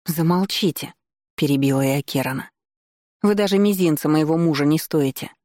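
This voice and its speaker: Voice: mid-range voice, moderate pace, darkish tone, no room sound, clean studio sound. Ровное чтение фэнтези от первого лица голосом средней высоты. Звук близкий и сухой. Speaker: чтец.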